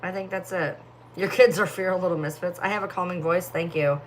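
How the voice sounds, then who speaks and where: Reading comments on a casual phone livestream, a young woman talks fairly quickly in a lowish voice with fairly even intonation. She is sleepy and keeps yawning, and her distinctive speech rambles with heavy filler words. A little hiss or hum runs through the recording.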